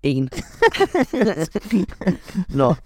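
A man's voice: darkish tone, no echo. A young man co-hosting a podcast, telling a rambling story in casual chat, full of fillers and restarts. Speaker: podcast co-host.

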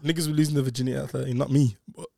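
A man's voice: mid-range voice, steady tone, racing, gravelly, dark tone, no echo, studio quality. A man in his twenties with a London accent, teasing and emphatic in casual, slangy banter. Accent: London, Multicultural London English. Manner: teasing, emphatic, repeats himself.

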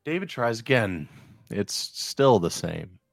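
A man's voice: lowish voice, very animated, slow, vocal fry, dry recording, clean studio sound, faint music behind. A man reading screenplay stage directions aloud as an amateur narrator. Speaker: amateur script reader.

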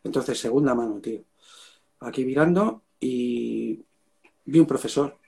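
A man's voice: mid-range voice, measured pace, creaky, darkish tone. A man with a Spain Spanish accent, a rock singer telling stories in a casual interview and dropping slang as he goes. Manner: casual storytelling, slangy, keeps saying "mate".

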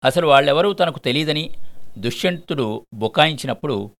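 A man reading a short story aloud as a storyteller, measured and reflective. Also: a little high, animated, gravelly, fairly bright tone.

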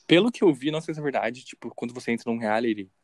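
A man's voice: mid-range voice, lively intonation, racing, a little mellow. A young Brazilian man with a Brazilian Portuguese accent, co-hosting a podcast in casual, jokey chat and laughing often. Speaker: podcast co-host.

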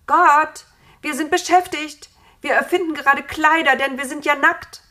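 A woman voicing Adam, a naive and excitable young first man, speaking high, loud and eager in a storybook reading. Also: moderate pace.

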